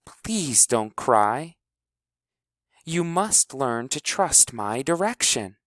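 A man's voice: medium pitch, big pitch swings, drawn-out words, fairly bright tone, no echo, pitched above the performer's own voice, heavily acted. A man voicing a pompous, theatrical woman pageant director who drops fake French phrases into her speech, as a character in an audiobook. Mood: grandly instructive.

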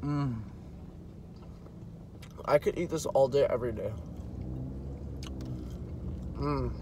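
A man's voice: medium pitch, slow pace. A young man with a head cold vlogging casually, rambling and swearing as he talks, at times from a car. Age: young adult. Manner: rambling, exclamatory, swears freely. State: sick with a head cold, congested. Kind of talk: casual day-in-the-life vlog. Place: in a car, later at home. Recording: noisy car background.

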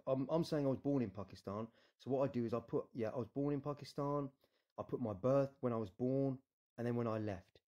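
A man's voice: fairly low pitch, warm tone. A man with a British accent, an immigration adviser casually talking through an online form, reassuring and often adding "yeah?". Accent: British English. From United Kingdom. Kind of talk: screen-recorded tutorial walkthrough.

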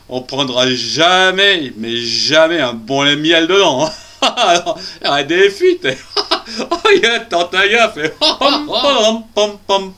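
A jolly, clumsy cartoon bear, voiced by a man, giggling as he chats to the children. His voice sits fairly high and swoops up and down with a lively, sing-song lilt. The tone is bright and ringing, and he takes his time over each line. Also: heavily acted. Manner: chats straight to the young audience. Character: jolly clumsy male bear, chatty birthday boy. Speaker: children's story character. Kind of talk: children's storytelling.

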